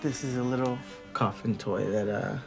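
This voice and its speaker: An actor playing a meek, hopeful servant to a vampire in a mockumentary comedy, hesitant and earnest. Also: male voice, fairly low pitch, steady tone, normal speed, gravelly, soft background music. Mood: hopeful, shy.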